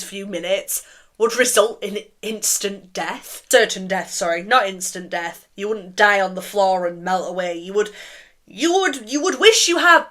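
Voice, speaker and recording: Chatty young woman vlogging. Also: fairly high pitch. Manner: chatty, animated, swears casually. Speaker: YouTuber host. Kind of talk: casual vlog storytelling.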